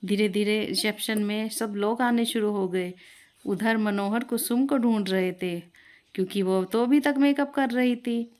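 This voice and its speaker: A woman narrating a moral storybook tale in an even, clear storytelling manner. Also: mid-range voice, unhurried.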